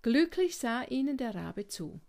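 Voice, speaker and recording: A woman reading a children's story aloud as narrator, gentle and unhurried. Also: fairly high pitch, big pitch swings, gravelly.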